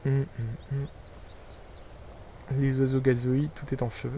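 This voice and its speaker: A man's voice: mid-range voice, level tone, unhurried, dark tone, a little hiss or hum. A man giving casual, wry running commentary while playing a video game, muttering asides to himself. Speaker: let's play gamer.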